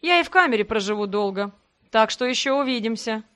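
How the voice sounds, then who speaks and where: A woman voicing a smug, cruel male villain mage with a creaky, mocking voice. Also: a little high, animated, fairly quick, fairly bright tone. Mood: gloating. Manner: mocking, gloating.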